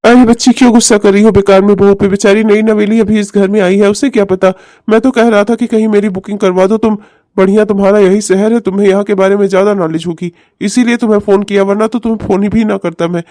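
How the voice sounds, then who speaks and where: Man voicing a long-winded cartoon uncle, high flat voice, dark tone, dry close recording. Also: fast, no echo, lightly acted. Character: demanding middle-aged uncle, fussy guest.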